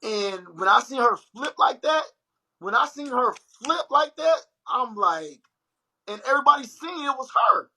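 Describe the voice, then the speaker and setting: With an extremely high pitch and an unhurried pace, a young livestream host animatedly tells stories during a casual chat. He talks directly to his audience as "y'all," and the recording is rough.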